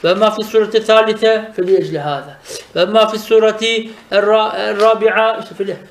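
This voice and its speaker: A man's voice: high voice, steady tone, moderate pace, roomy sound. A man teaching Arabic grammar in a traditional lesson, asking questions and answering them himself. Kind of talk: traditional madrasa-style lesson.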